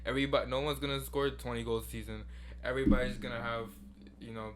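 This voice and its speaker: A man's voice: mid-range voice, little pitch movement, a little hiss or hum. A man co-hosting a podcast, arguing a football point and pushing on over interruptions. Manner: fast, insistent, talks over interruptions. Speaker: podcast co-host. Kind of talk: casual sports debate.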